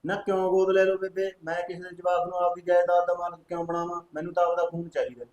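A man's voice: high voice, flat delivery, fast talker, darkish tone, reverberant, highs cut off, natural voice. A man playing a stubborn young husband who speaks bluntly and insistently. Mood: defiant. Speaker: son. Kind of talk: rural family drama acting.

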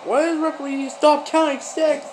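A commentator shouting excitable live play-by-play over a video game match. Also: high-pitched, moderate pace, background noise.

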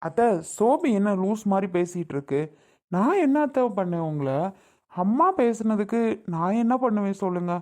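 A woman playing a kind young man who gently coaxes his aunt in a family drama skit. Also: medium pitch, lively intonation, moderate pace, close to an everyday voice. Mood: coaxing. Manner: gentle, coaxing.

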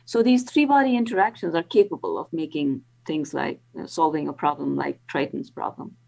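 Speaking fairly quickly, this woman has a low-pitched, creaky, slightly mellow voice. She's a planetary scientist in her sixties answering interview questions over a video call, explaining carefully with many ums and restarts.

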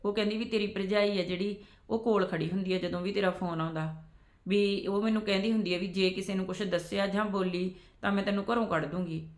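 A woman's voice: mid-range voice, steady tone, quick pace, reverberant. A woman telling a family story aloud, with frequent "she says" tags in a chatty way. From Punjab. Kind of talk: spoken storytelling with quoted dialogue.

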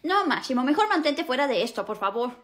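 A woman's voice: high-pitched, very animated, a little fast. A woman playing a resigned, apologetic young girlfriend in a comedy skit. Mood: worried. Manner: apologetic, earnest.

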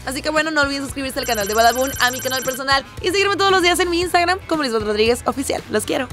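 A young woman with a Mexican accent hosts a hidden-camera street show in a teasing, outspoken way. Her voice sits a touch higher than usual, with faint music running beneath it. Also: rapid-fire, a bit bright. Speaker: show host. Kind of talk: casual reality-show hosting.

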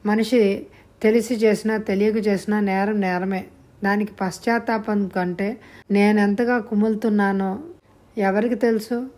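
A man's voice: high-pitched, flat delivery, measured pace, a little mellow. A woman narrator voicing a remorseful rich young man who speaks politely and earnestly.

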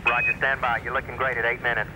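A man at mission control giving brisk, steady confirmations to the crew, heard over a space radio transmission with beeps. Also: medium pitch. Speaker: mission control capsule communicator. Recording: noisy archival radio loop.

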